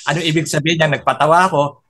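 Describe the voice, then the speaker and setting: A man's voice: on the high side, steady tone, racing, a bit bright. An older man, a Spanish professor, explaining words patiently in a casual chat. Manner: explains patiently and repeats points.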